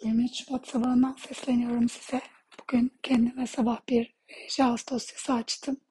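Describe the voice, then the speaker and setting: A woman guides a healing session in a fairly high, soft voice. It is very airy and breathy, close to a whisper at times. She moves gently through short phrases, pausing between them, with a mellow tone. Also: level tone, low-quality recording. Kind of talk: guided meditation, soft-spoken.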